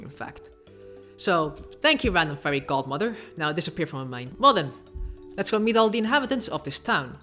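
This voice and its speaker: A woman's voice: mid-range voice, a bit bright. A woman narrating a casual video essay with sarcastic, offhand asides.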